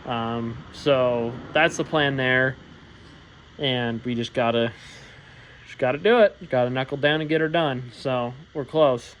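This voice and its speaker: A man's voice: mid-range voice, measured pace, fairly bright tone, a little hiss or hum. A man giving a casual, rambling update on fixing his car, with lots of fillers as he lists the jobs left. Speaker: vlogger working on his car.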